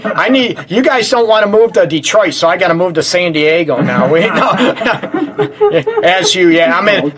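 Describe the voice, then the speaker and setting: A man's voice: a little high, fairly bright tone. A middle-aged man hosting a relationship talk show from his office, joking and teasing his guest as he talks. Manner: joking, teasing, self-described smart aleck. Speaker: relationship counselor and show host. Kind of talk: casual talk show interview.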